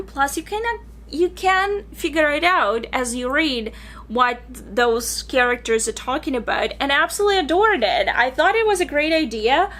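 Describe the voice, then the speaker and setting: A young woman with a high, bright voice talks through her recent reads in a casual vlog. She is chatty and enthusiastic, and she grew up in Bulgaria. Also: slight background noise. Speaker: book reviewer. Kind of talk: casual book review vlog.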